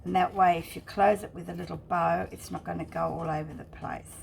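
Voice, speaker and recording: A woman hosting a craft channel, talking casually and haltingly as she explains and shows each detail in a chatty walkthrough. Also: on the low side, steady tone, creaky, a little hiss or hum. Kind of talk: casual craft flip-through narration.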